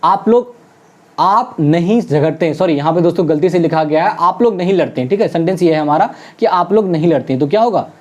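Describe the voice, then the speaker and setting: A spoken English teacher giving a lesson, who keeps calling the viewers friends and asks questions only to answer them. English example sentences are repeated slowly, one word at a time. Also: medium pitch, expressive, dull audio. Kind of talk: online classroom lesson.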